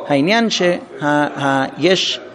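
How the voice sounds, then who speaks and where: Man, parenting talk, animated storytelling, voice moves a lot, audience audible. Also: on the high side, a crowd in the background. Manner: animated storytelling, acting out dialogues. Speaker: parenting lecturer. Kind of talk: informal talk to a group.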